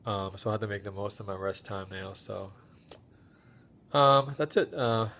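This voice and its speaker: A man with a stuffy, congested nose giving a halting, low-key recovery update in a casual vlog style. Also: gravelly, fairly bright tone. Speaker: patient recording recovery diary.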